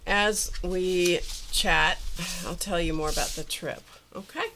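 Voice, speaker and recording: A livestream art host with a notably low, slightly congested voice chats casually while crafting in her home art studio, thinking aloud as she works. Her delivery is slow, bright and forceful, with a faint hiss beneath the recording.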